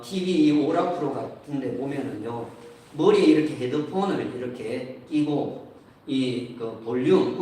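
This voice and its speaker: Slow, lively-toned male pastor preaching. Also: a little high. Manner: explains slowly, sings briefly. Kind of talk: sermon. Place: church sanctuary. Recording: echoey church hall from far off.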